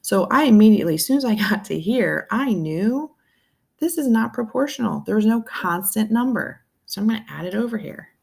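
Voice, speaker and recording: A woman's voice: mid-range voice, expressive, a little fast, vocal fry, a little mellow, husky. A woman teaching a recorded math lesson, thinking aloud step by step and checking in with viewers.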